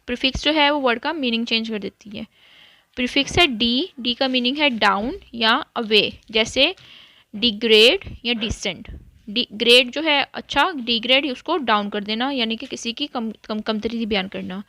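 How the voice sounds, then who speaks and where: A woman teacher talks through a recorded lesson, explaining word by word and slipping English terms into her Urdu-Hindi. Her voice is bright and a little high. The recording is dry and close. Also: normal speed, no echo.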